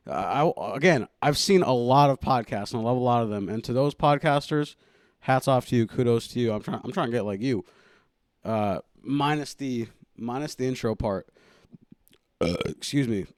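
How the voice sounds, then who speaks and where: A man's voice: mid-range voice, lively intonation, moderate pace, no echo, studio quality. Self-mocking young man hosting a podcast. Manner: self-mocking, rambling, playful. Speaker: podcast host. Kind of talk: casual solo podcast chat. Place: home room.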